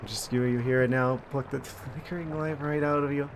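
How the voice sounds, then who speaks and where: A man voicing a taunting, mock-pitying video game boss in a quietly menacing villain monologue. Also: medium pitch, fairly even intonation, moderate pace, slight background noise, natural voice. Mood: mock pity, menace. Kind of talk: reading game dialogue aloud in character.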